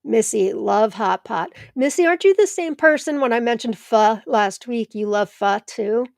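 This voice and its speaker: Chatty American woman with gravelly voice. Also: on the high side, normal speed, darkish tone, no echo, studio quality. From United States. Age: middle-aged. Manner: chatty, answers viewers by name. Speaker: host of a live tomato show. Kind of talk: live stream chat reading comments.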